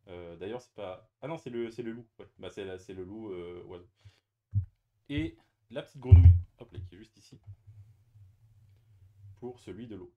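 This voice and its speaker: A man's voice: low-pitched, moderate pace, long pauses, warm tone, faint music behind. A man chatting casually as he opens trading card boosters on camera, hesitant with many fillers and restarts. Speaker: card-opening YouTuber. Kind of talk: casual unboxing commentary.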